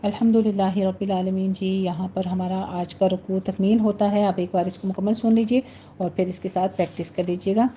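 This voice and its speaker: A woman teaching a recitation lesson, patiently explaining rules step by step and slowly modelling the words. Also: mid-range voice, level tone, warm tone. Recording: slightly muffled recording with faint noise.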